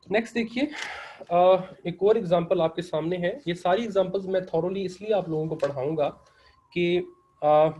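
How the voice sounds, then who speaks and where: A man's voice: a little high, a little mellow, low-quality recording. A man with a Pakistani accent teaching an English literature lecture online, explaining patiently, slipping into English and leaning on filler phrases.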